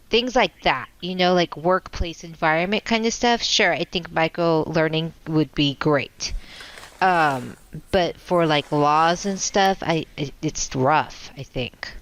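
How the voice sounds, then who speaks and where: Low-voiced woman co-host. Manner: unhurried, hesitant, filler-heavy. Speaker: podcast co-host. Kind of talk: casual chat.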